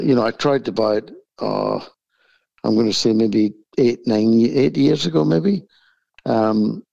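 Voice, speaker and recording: Croaky, frog-voiced man with flu, gravelly. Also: medium pitch, darkish tone, no echo. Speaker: race track owner, interview guest. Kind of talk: casual interview. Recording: muffled, dull lo-fi sound.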